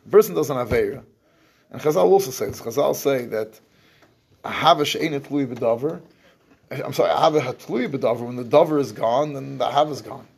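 A man's voice: medium pitch, fairly quick, creaky, slightly rough. A man teaching a scripture class, explaining verses at length and often restarting his phrases. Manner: explains in English with Hebrew terms, restarts often. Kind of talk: lecturing on scripture.

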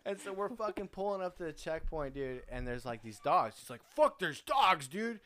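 A man's voice: on the high side, expressive, fairly quick, a bit bright, a little hiss or hum. A man co-hosting a podcast, telling road-trip stories in a loose, profane, laid-back way with lots of restarts. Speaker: podcast co-host. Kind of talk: casual chat, swapping road-trip stories.

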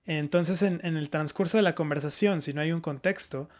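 A man in casual conversation, talking in a careful, measured way with some hesitations. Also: on the high side. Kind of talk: casual chat.

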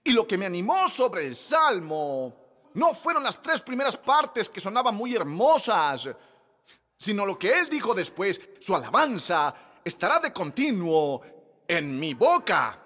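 A man preaching a sermon in a church, joking and conversational, swinging from soft asides to shouted peaks. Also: high voice, very animated, a little slow. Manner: jokey and conversational. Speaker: pastor.

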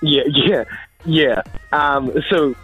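A man's voice: fairly high pitch, extremely slow, fairly bright tone, highs cut off. A man with a New Zealand accent giving casual, humorous news chat in an informal, giggly, hesitant storytelling way. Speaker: radio news segment correspondent. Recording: faint music behind. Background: music.

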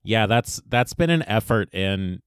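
A man's voice: fairly low pitch, expressive, unhurried, smooth, no room sound. A young man hosting a podcast in easygoing, reflective chat with dry humor. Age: young adult. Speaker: podcast host. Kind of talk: casual chat.

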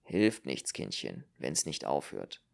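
A man's voice: mid-range voice, normal speed, a little mellow, lightly acted. A man voicing a curt, growling, exhausted male doctor in an audiobook. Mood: grim. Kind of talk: audiobook character reading.

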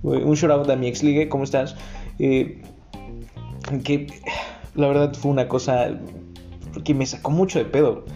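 A man's voice: mid-range voice, little pitch movement, unhurried, creaky, long pauses, mellow, muffled recording, faint music behind. A young man with a Mexican accent telling stories in a crude, joking, slang-heavy monologue. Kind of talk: casual storytelling monologue.

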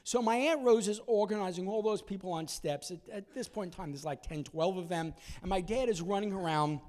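Speaking briskly in a high voice, a man in his sixties relates a story from his own life, animatedly performing the voices and scenes within it.

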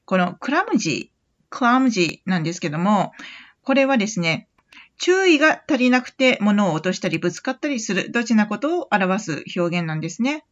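A woman teaches English phrases in a gentle, encouraging way, her pitch moving a lot as she explains. She reads the example sentences slowly so listeners can repeat them. The recording sounds somewhat dull and lo-fi. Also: very animated. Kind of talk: English lesson podcast.

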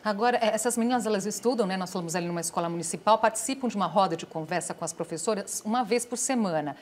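Woman hosting a studio interview. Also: medium pitch. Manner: measured questioning, sums up guests' points. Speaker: TV host.

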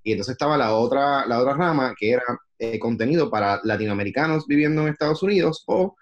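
A man with a Puerto Rican Spanish accent joins a podcast as a guest. He explains things in a casual, thoughtful way, pausing on fillers at a middle pitch. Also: animated, dull audio. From Puerto Rico. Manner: thoughtful, many fillers like "este". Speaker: podcast guest, former sports TV worker.

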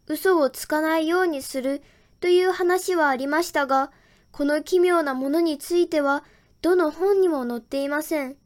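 High-voiced woman reading a children's story. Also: normal speed. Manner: plain first-person storytelling. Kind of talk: scripted children's story narration.

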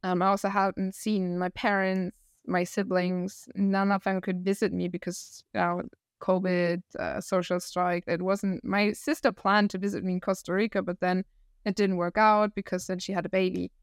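A woman in her thirties with a northern German accent, talking as a podcast guest. She tells her story in a reflective, animated way and laughs often. Her voice is smooth and clear, recorded dry and close. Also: lowish voice, moderate pace, dry recording. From northern Germany, near Hamburg. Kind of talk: casual interview conversation.

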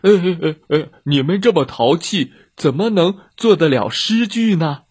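A firm, exasperated storybook dog teacher, played by a male storyteller, with a slightly raised, loud voice. It has a husky edge and sighs heavily. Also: on the high side, animated, unhurried, pitched above the performer's own voice. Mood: stern.

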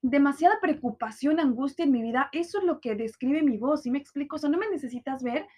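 A young woman with a Mexican accent, telling a story to her viewers in a casual, slangy and animated way and acting out the lines of the people in it. She sounds stressed and anxious. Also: high voice, brisk. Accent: Mexican Spanish. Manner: animated, slangy, acts out quoted dialogue.

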